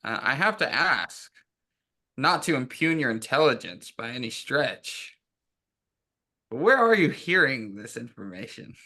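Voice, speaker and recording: A man at a tabletop game voices his character's thoughts, his voice mid-pitched with a bright edge. He speaks wryly and carefully. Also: very animated, unhurried. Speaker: player.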